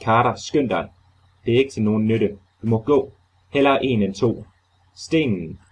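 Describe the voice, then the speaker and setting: A man's voice: on the low side, husky. A man voicing a terrified man trapped in a crypt who frantically pleads with his friend to flee, talking with breathless urgency. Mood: desperate.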